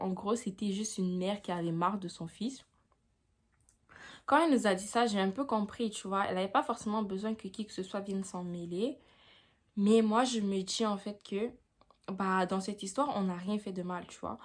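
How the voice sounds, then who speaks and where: Chatty young woman doing a story time vlog, lots of slang and "tu vois", medium pitch. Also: moderate pace. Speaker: vlogger.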